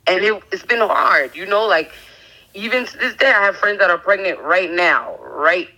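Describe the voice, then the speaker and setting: A woman in her thirties appears as a podcast guest, offering a candid personal testimony haltingly, full of fillers and restarts. Her medium-pitched voice sounds bright and forceful, though the recording is rough.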